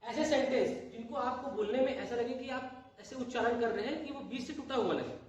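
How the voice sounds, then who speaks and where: A male English teacher giving a classroom grammar lesson. He keeps asking questions and answering them himself, and he repeats words slowly. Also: very high-pitched, dull audio. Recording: very echoey room, voice far from the mic.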